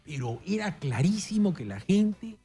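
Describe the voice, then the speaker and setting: A Peruvian man, an interview guest, telling stories in an emphatic, animated way about politics. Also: high voice, unhurried, breathy edge, faint music behind. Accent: Peruvian Spanish. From Peru. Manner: emphatic, storytelling.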